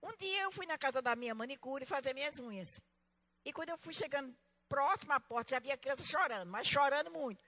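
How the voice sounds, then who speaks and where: Bright, high-voiced woman preaching. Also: expressive, fast. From Northeastern Brazil. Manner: emphatic, storytelling, swings from loud exclamations to quiet asides. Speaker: Bible school teacher. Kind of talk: fervent preaching lesson.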